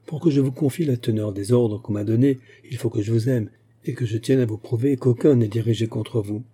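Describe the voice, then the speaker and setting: A man's voice: medium pitch, brisk, slightly rough, lightly acted. A man reading d'Artagnan, a wry courteous musketeer. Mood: insistent. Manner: courteous, insistent, quietly ironic. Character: shrewd polite musketeer captain, middle-aged man.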